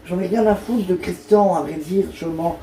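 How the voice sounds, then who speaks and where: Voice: mid-range voice, moderate pace, dark tone, a little hiss or hum, close to an everyday voice, rough recording. A performer voicing a woman in love with a married man, pleading with him bluntly and swearing in an amateur toy-figure drama.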